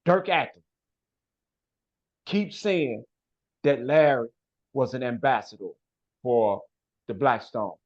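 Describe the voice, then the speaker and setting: Speaking at a slow pace with frequent pauses, a medium-pitched man from Chicago's west side appears as a guest in a casual interview. The audio is dull and lo-fi, and he emphatically finishes phrases with "man" and "bro."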